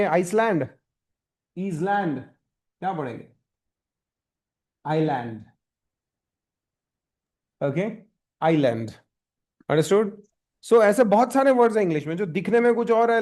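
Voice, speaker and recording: A man's voice: sits high, animated, normal speed, pauses often, a little mellow. A man teaching a spoken English class, coaxing students with questions.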